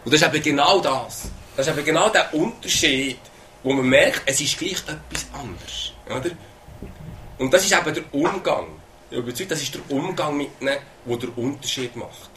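A man's voice: on the high side, normal speed, sharp tone, a little hiss or hum. A man with a Swiss German accent preaching a sermon in an earnest way, often repeating words and asking "oder?".

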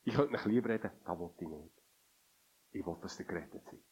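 A man preaching a sermon in an earnest, pleading way, his phrases often sinking to a quiet murmur. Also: fairly quick, husky. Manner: earnest, pleading, drops to a low murmur at line ends.

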